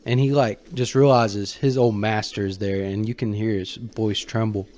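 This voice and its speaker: A man's voice: lowish voice, fairly even intonation, normal speed, a little mellow. A man giving casual, colloquial fan commentary as he tells a story, leaning hard on his key points.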